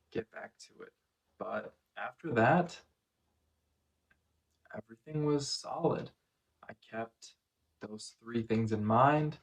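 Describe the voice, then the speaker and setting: Male vlogger, unhurried and deliberate, fairly flat intonation, medium pitch, casual personal recap delivery. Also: rough recording. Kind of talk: casual first-person running vlog recap.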